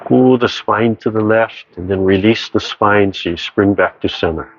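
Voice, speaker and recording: A man teaching tai chi, giving serene, measured step-by-step movement cues in short phrases. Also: lowish voice. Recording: dull, muffled audio with background noise.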